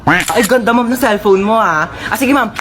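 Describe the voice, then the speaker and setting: A woman's voice: medium pitch, lively intonation, moderate pace, noisy background, pitched below the performer's own voice, natural voice. A woman voicing a polite young man stranger who offers to take photos, in a comedy skit. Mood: coaxing.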